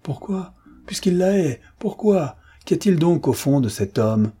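A man's voice: medium pitch, normal speed, warm tone, slightly rough, close to an everyday voice. A man voicing a young army captain who breaks into anguished, frantic outbursts in an audiobook. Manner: cries out in raised, frantic outbursts.

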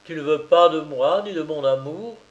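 A man's voice: on the high side, normal speed, lo-fi sound, voice pushed up, natural voice. A man reading aloud as an insistent, hot-tempered young nobleman. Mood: forceful. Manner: forceful, pressing. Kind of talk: audiobook character reading.

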